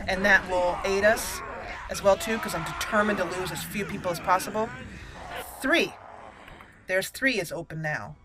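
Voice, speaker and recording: Over game music and background noise, a woman with a mid-range voice hosts a gaming channel at normal speed. She gives casual play-by-play, thinking aloud as she narrates each move.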